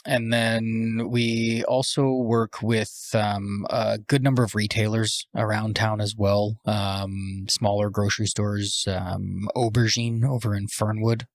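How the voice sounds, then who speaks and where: A Canadian man who owns a cafe and roasts coffee, talking casually in a podcast interview and pausing often with fillers. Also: fairly low pitch, little pitch movement, no room sound, studio quality. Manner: hesitant, frequent "um" fillers.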